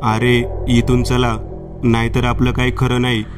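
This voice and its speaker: A man's voice: mid-range voice, monotone, unhurried, noisy background, close to an everyday voice. A man voicing a wary young man who turns down a stranger with firm, awkward refusals. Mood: panicked.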